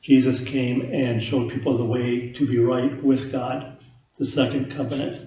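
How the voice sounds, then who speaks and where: A man's voice: mid-range voice, little pitch movement, a little slow, mellow, highs cut off. Man preaching a sermon in a roomy hall. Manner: conversational teaching with personal examples. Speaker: pastor.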